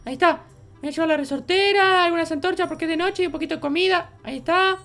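A roleplay channel performer, a woman, voices a mischievous runaway baby boy in Minecraft, chatting to viewers as he sneaks around. Her squeaky, childlike voice is fast, a bit bright, and sneaky in mood, with faint music in the background.

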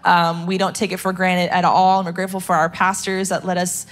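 A woman's voice: on the low side, level tone, fairly quick, soft background music. A young adult woman and singer sharing a personal testimony in church in a chatty, conversational way with lots of fillers.

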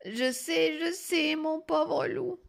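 A woman reading a storybook aloud, voicing a sly, gentle grandmother with a small, quavering old voice. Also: sits high, expressive, slow, creaky, pitched above the performer's own voice, heavily acted. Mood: weary.

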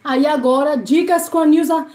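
Woman, from Brazil, live-stream host, chatty, high voice, echoey home room. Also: steady tone, normal speed, a little mellow. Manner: chatty, greets viewers by name while cleaning. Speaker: YouTuber hosting a live stream. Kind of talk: casual live-stream chat reading comments. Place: home service area. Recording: echoey room with faint noise.

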